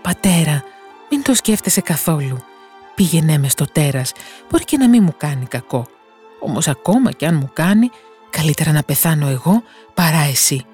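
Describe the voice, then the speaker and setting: A woman's voice: extremely low pitch, big pitch swings, dark tone, soft background music. A woman voicing a brave and loving young daughter in a fairy tale, speaking earnestly to her father. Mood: determined.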